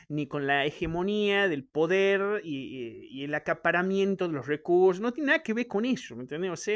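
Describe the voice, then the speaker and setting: A man with a Rioplatense Argentine accent, talking in a loose, rambling, sardonic monologue and tagging his sentences with questions to the listener. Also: sits high. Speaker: show host.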